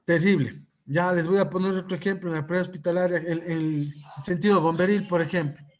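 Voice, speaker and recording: A man's voice: sits high, fairly even intonation, a little fast. A man lecturing at a conference on psychological first aid, checking in with his audience through frequent rhetorical questions.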